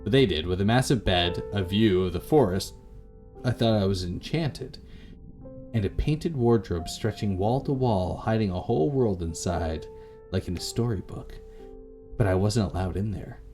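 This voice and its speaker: This let's play YouTuber reads a visual novel aloud in dramatic fashion, redoing lines he stumbles on. His lowish voice is a little mellow and moves at a normal speed over the game music.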